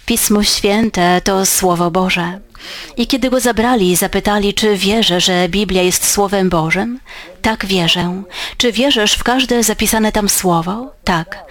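A woman preaches to her congregation in a steady, earnest manner. She keeps a measured pace and lifts her voice to stress key words. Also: medium pitch. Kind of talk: sermon.

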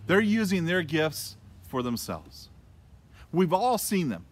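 A man's voice: a little high, sing-song, slow pace. A man preaching a casual, conversational sermon with playful asides. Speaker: pastor.

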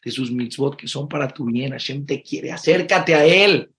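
A rabbi teaching Torah in a sermon, mixing Hebrew phrases into his Spanish, emphatic and shifting from soft, intimate asides to loud exclamations. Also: mid-range voice, normal speed.

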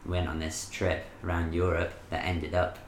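A man's voice: low voice, flat delivery, normal speed, reverberant, slight background noise. A young man telling a story in casual podcast chat, in a dry, laid-back way. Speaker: podcast co-host.

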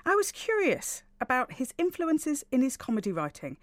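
A woman's voice: sits high, huge pitch swings, moderate pace, no echo. A woman hosting a radio show from a studio, chatty, frank and playful as she gives advice. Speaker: radio presenter.

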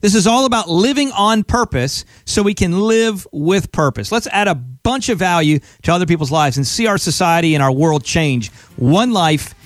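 Higher-voiced male radio host, dry sound. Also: animated, moderate pace, few pauses, no echo. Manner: earnest, motivational, with rhetorical check-ins. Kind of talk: conversational radio interview hosting.

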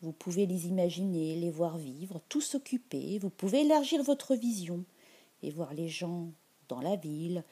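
A woman leading a guided meditation in a soft, soothing voice that drifts into whispers. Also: lowish voice, slightly rough.

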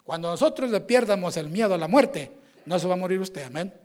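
Pastor guy preaching hard, pretty high voice, amen every other line. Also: lively intonation, brisk, a little mellow. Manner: fervent, sprinkles amén and hermanos constantly. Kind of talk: sermon.

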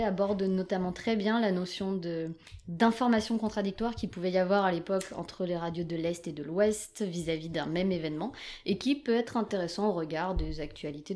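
A woman's voice: mid-range voice, moderate pace, warm tone. A woman co-hosting a podcast, recommending a film in a tentative, hesitant way. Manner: hesitant, tentative, hedging phrasing. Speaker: podcast co-host. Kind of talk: casual recommendation chat.

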